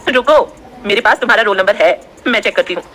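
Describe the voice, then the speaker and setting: A woman voicing a studious young female student who speaks softly and modestly. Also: mid-range voice, brisk, lightly acted.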